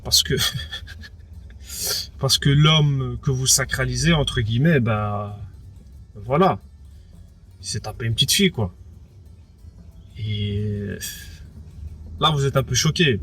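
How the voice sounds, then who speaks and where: A young interviewee, French with Moroccan heritage and also a native Arabic speaker, talks slowly with long pauses about his personal experience while soft music plays. His mid-range voice is fairly bright, and he hesitates often, repeats words and uses lots of fillers like "quoi" and "entre guillemets".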